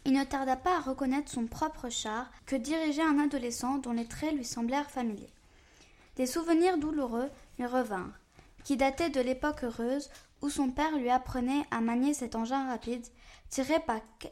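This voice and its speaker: A woman's voice: high-pitched, moderate pace, darkish tone. A woman reading a storybook aloud carefully, with occasional slips.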